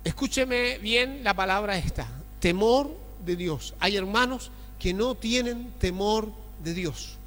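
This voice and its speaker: Male pastor mid-sermon, high and bright voice, reverberant church hall, asks the flock questions. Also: slow pace, few pauses, a little hiss or hum. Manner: swings between loud exclaiming and low murmured asides, asks the congregation often. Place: church sanctuary.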